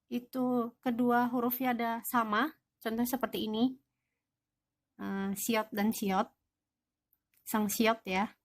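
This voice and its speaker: A young woman teaching an online language lesson, patiently explaining rules and answering her own questions. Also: fairly high pitch.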